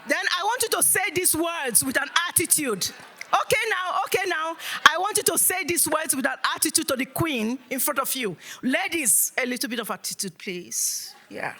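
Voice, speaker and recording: Woman from Africa, motivational keynote speaker, high and animated, preacher-like call and response. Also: normal speed.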